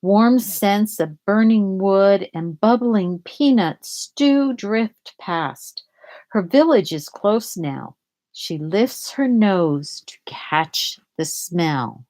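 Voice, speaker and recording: A woman reading a children's picture book aloud in a deliberate way, pausing to explain things to young listeners. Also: mid-range voice, animated, darkish tone. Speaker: storybook reader.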